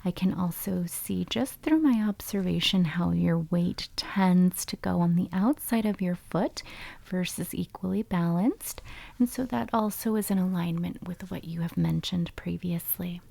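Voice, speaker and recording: Casting: woman for ASMR role-play of a gentle, methodical foot doctor; breathy soft voice with creaky edges. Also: on the low side, measured pace, dry recording. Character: calm, gentle foot doctor examining a patient.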